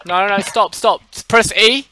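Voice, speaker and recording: A man's voice: sits high, fairly even intonation, moderate pace, bright, forceful tone, slight background noise, rough recording. A man hosting a casual gaming chat, teasing his guest in a dry way. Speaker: host gamer.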